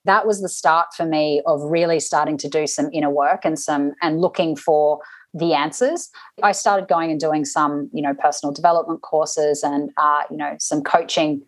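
A woman's voice: low voice, fairly even intonation, normal speed, no echo. A woman guest telling a personal story in conversation, reflective, often restarting and acting out what people said. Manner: reflective, with frequent restarts and acted-out quotes. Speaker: interview guest.

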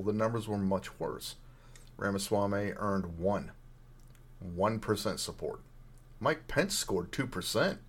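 A hoarse male podcast host runs through political news with a dry, wry delivery. His voice sits on the low side and comes out husky and rough around the edges. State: hoarse, frog in throat.

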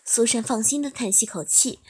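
A woman narrating a story in a soft, steady reading voice. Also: a little high, normal speed, a little hiss or hum.

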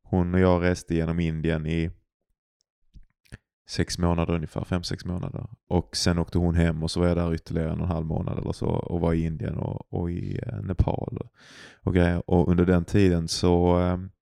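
A man's voice: deep voice, completely flat delivery, creaky, mellow, clean tone, no room sound, clean studio sound. A man co-hosting a podcast in casual chat, blunt and teasing, swearing freely. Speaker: podcast co-host.

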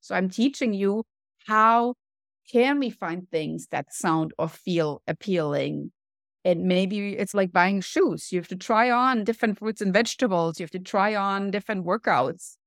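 A woman guest on a podcast, a wellness coach explaining her approach in an earnest way, slowing down to stress points. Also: mid-range voice, dry recording, clean studio sound. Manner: earnest, explanatory, slows down for emphasis. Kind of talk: podcast interview.

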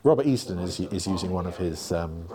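A man's voice: low voice, lively intonation, brisk, crowd noise. A man hosting a casual episode commentary in a wry, musing way. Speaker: host.

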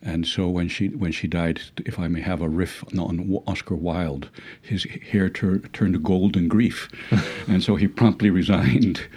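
A middle-aged legal philosophy professor with a Dutch accent reflects in an interview, hesitant and full of fillers, restarts, and wry chuckles. His voice is low, slightly rough and a little mellow, with fairly even intonation, a measured pace, and few pauses.

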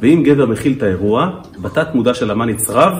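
A man, a rabbi telling stories in a lively lecture to an audience and repeating words as he builds a point. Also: medium pitch, recorded from a distance, heavy background noise.

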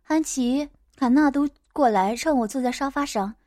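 A woman narrating a first-person story in a steady audiobook manner. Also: high-pitched, moderate pace, dry recording, studio quality.

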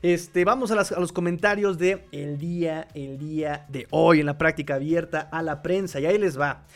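A man hosting a casual sports talk show, animated and excitable, full of fillers and restarts. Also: a little high, normal speed, faint music behind. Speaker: podcast host. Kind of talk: casual sports talk, reading viewer comments.

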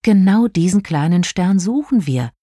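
A woman voicing a curious, kind young fairy princess in a children's story, in a lively, slightly raised voice. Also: fairly low pitch, moderate pace, slightly rough, no echo, clean studio sound, voice pushed up. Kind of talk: audiobook character voice.

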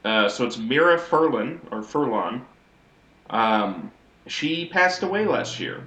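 A man's voice: medium pitch, big pitch swings, measured pace, sharp tone, muffled recording. A man co-hosting a podcast, giving a wry, rambling recap of a TV episode in casual chat. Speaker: podcast co-host. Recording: echoey audio, as if in a sewer.

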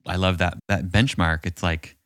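A man's voice: deep voice, fairly even intonation, normal speed, fairly bright tone, no echo, clean studio sound. A man co-hosting a podcast, talking through relationship advice in a thoughtful, musing, encouraging way. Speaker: podcast co-host. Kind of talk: casual relationship chat.

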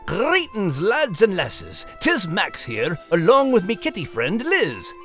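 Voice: medium pitch, huge pitch swings, takes it slowly, fairly bright tone, faint music behind, full character voice. An actor voicing Max-style cheerful, simple-minded male Scottish dog in a children's audio drama, with hearty, folksy speech.

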